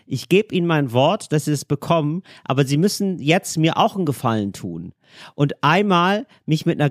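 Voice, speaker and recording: A man's voice: fairly high pitch, no room sound, studio quality. Man coaxing as a mock negotiator. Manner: plays a coaxing police negotiator, earnest and soothing. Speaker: podcast co-host. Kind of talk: comedic improvised role-play chat.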